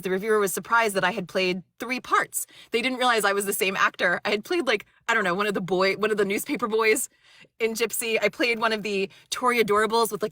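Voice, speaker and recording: A woman's voice: medium pitch, bright, forceful tone, dry recording, studio quality. A woman from Maryland, a narrator and actor, chatting in an interview and telling rambling stories with lots of laughter. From Maryland, USA. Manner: chatty, rambling storyteller who laughs often. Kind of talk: casual interview chat.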